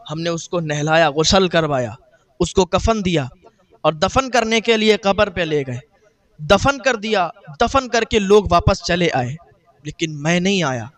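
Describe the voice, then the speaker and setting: A man's voice: high voice, natural voice. A man preaching voices a grief-stricken man who mourns his brother and tells the tale in a lamenting, pleading way.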